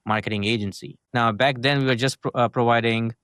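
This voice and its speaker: In a studio-quality recording with no room sound, an Indian-accented marketing agency founder of middle age talks through his story in a casual interview. His mid-range voice is steady, a bit bright, clear and resonant, and fairly quick, stringing long sentences together with many "uh"s, "right?"s and "essentially"s.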